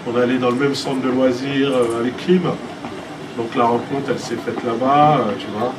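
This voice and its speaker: A man's voice: medium pitch, fairly even intonation, moderate pace. A man in his thirties from France, answering interview questions casually with many fillers and restarts. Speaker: filmmaker interviewee. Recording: distant mic with air-conditioning hum.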